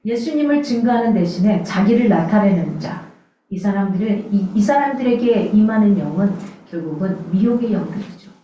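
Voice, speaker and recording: A woman pastor from the far south of Korea preaches in a mellow, darkish voice, talking straight to her listeners with questions. She sounds far from the mic in a very echoey church sanctuary. The recording is dull and muffled. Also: mid-range voice, lively intonation, moderate pace, a little hiss or hum. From South Korea, Suncheon in Jeolla. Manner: earnest, conversational preaching with rhetorical questions. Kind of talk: sermon.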